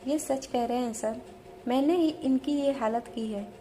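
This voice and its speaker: A woman's voice: on the high side, measured pace, mellow, a little hiss or hum, natural voice. A woman voicing a bold, defiant young college woman in an audio story, speaking coolly. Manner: cool, defiant.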